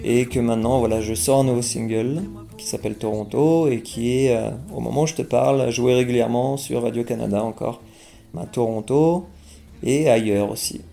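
With faint music behind him, a young singer-songwriter from France talks casually as an interview guest at normal speed. His low, warm voice carries vocal fry, and he hesitates often, restarting and filling pauses, while staying mellow and relaxed.

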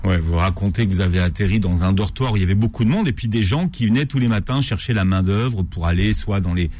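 A male host with a fairly low voice, leading a relaxed book-show interview. He asks questions in an easy, chatty way. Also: fast talker, a little hiss or hum.

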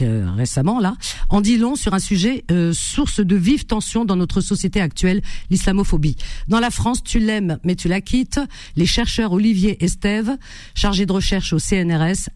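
A woman hosting a radio call-in show, chatting casually and reading an article aloud, halting with many fillers and restarts. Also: lowish voice, dark tone, no echo.

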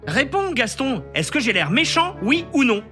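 A fussy cartoon dragon, as a man acts him out grumbles and demands in a very high, bright, tense voice. He swings his pitch up and down as he complains. Soft music plays behind him. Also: sing-song, normal speed, heavily acted. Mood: grumpy, demanding. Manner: demanding, rhyming nicknames, complaining. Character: fussy vain drawn male dragon, grumpy. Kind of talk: storybook reading.

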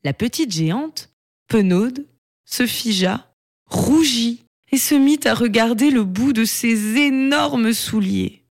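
A woman narrating a children's story in a slow, expressive reading voice. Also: fairly high pitch.

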